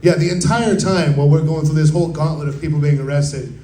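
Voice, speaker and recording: A man's voice: fairly high pitch, steady tone, dark tone, a little hiss or hum. Profane storytelling man, roomy venue. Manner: profane, laid-back storytelling with quick voiced quotes. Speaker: stand-up comedian. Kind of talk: stand-up storytelling. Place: open mic at a coffee bar. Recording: roomy live venue sound.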